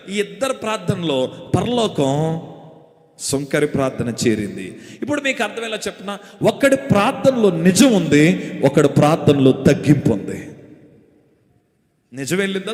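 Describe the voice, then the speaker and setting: A man preaching a sermon as pastor with a Telugu accent, leading the congregation in call-and-response and shouting refrains. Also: sits high. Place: church hall or meeting. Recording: echoey hall reverb.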